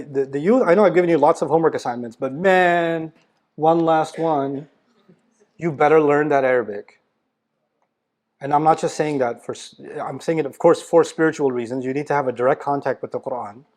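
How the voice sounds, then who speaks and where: A man with a slightly high, darkish voice delivers a motivational Islamic lecture. He is emphatic and blunt, firing off rhetorical questions and teasing his audience.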